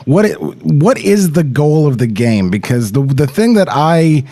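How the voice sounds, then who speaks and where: A man's voice: on the high side, very animated, measured pace, warm tone. A man of forty hosting a casual interview, asking chatty questions and cracking jokes. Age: 40s. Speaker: host.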